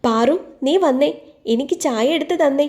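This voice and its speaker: A woman's voice: high-pitched, moderate pace, a little mellow, close to an everyday voice. A woman doing an upbeat young man. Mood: cheerful.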